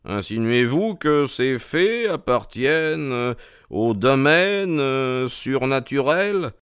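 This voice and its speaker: Man doing an eager, exacting detective for an audiobook: brighter and higher than the narrator, probing, crisp, dry sound. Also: no room sound. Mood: intrigued. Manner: quick, questioning, excited interjections. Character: keen, probing male detective, eager and precise. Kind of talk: audiobook character reading.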